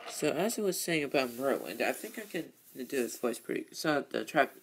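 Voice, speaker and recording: A man hosting a casual, rambling vlog, halting and repeating his phrases as he goes. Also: medium pitch, sing-song, slight background noise, poor audio. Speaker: video host, toy train hobbyist.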